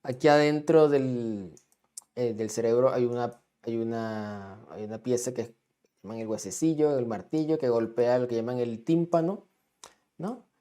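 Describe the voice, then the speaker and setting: A man's voice: mid-range voice, measured pace, warm tone, clean tone. A man giving a patient, explanatory music lesson, often checking in with his listeners as he draws on a diagram. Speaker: music teacher.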